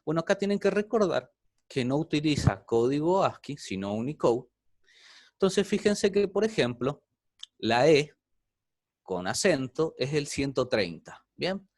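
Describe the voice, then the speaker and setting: A man's voice: fairly high pitch, big pitch swings, unhurried, darkish tone, no room sound, clean studio sound. A man teaching an online programming class, explaining step by step and often checking in with the students.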